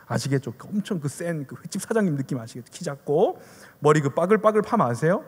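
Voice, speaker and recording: A male pastor preaching to young adults, telling a story and throwing out rhetorical questions. His voice sits high and swings widely in pitch, and he talks fast. The sound rings in a reverberant hall. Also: lively intonation, breathy edge. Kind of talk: youth sermon with storytelling.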